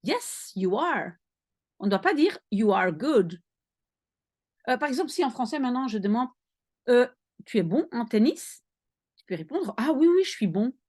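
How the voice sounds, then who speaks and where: A woman language teacher patiently explaining grammar to a student, with careful repetition. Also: sits high. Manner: slow, patient, lively intonation. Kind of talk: explaining English grammar in French.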